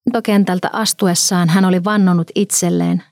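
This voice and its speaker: A woman narrating a story in a calm, measured reading. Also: lowish voice, no echo, clean studio sound.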